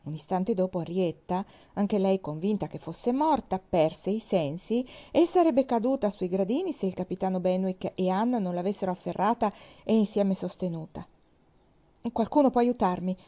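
A woman narrating a classic novel aloud as an audiobook reader, measured and expressive. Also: mid-range voice. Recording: dull lo-fi recording.

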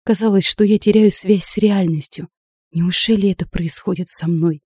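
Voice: mid-range voice, steady tone, moderate pace, darkish tone, husky, dry recording. An audiobook narrator reading a first-person fantasy novel expressively, voicing a proud young heroine, in a dry close recording.

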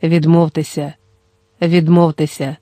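A reader voicing a stern male sorcerer who speaks slowly in a low, monotonous, insistent way. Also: dry recording, lightly acted. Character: stern male sorcerer servant, calm and commanding.

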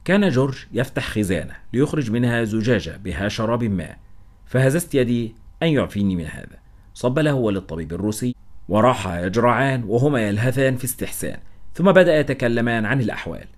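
A male audiobook narrator telling a first-person adventure story. He reads briskly at a middling pitch. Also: lively intonation. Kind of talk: scripted narration.

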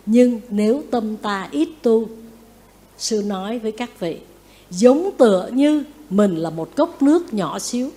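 A Buddhist nun giving a lively dharma talk, often asking her listeners questions and acting out what people say. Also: a little high, unhurried. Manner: lively, asks the audience questions, acts out quotes. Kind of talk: sermon.

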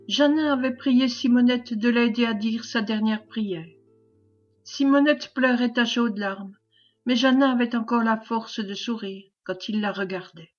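Woman reading a classic novel aloud. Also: a little high. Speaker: audiobook reader. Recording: dull lo-fi recording.

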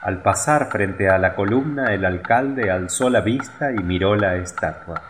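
A man reading a fairy tale aloud in a slow, measured storytelling voice. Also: lowish voice. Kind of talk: scripted storybook narration. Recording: noisy recording with clicks.

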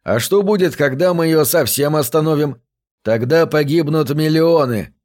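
Guy reading as a callous explorer, excited, way higher voice. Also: moderate pace, lightly acted. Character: cold excited male explorer, detached.

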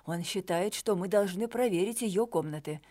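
A woman voicing a cautious male hotel manager in an audiobook, speaking with a lowered voice. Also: moderate pace, mellow, lightly acted.

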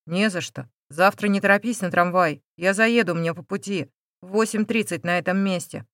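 A calm, caring man in his thirties speaks softly and reassuringly, voiced a little lower by a woman reading an audiobook. The recording is dry and close, with no room sound. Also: normal speed, no room sound. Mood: gentle. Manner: gentle, reassuring. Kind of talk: audiobook character voice.

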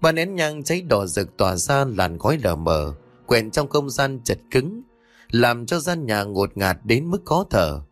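A man narrating a dramatic folk story in an expressive storytelling manner. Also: medium pitch, a little slow. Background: faint background music.

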